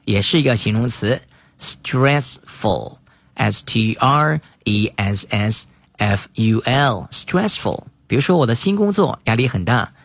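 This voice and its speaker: A man teaching English in a lesson, reading example sentences slowly and spelling words letter by letter. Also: medium pitch, expressive, gravelly, a bit bright, no room sound. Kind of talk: bilingual language lesson.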